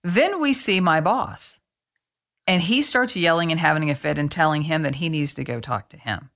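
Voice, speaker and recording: A woman with a very low voice tells a story in casual chat. She is animated and blunt, with some frank swearing along the way. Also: normal speed.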